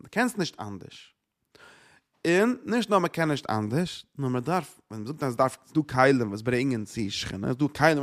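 A man's voice: medium pitch, a bit bright. A man teaching a Torah lecture, repeating phrases and asking rhetorical questions. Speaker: religious teacher.

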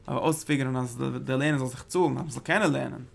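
Gravelly man teaching a religious lesson. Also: mid-range voice, fairly even intonation, racing. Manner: emphatic bursts, repeats and restarts phrases. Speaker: Torah teacher. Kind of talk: religious study lecture.

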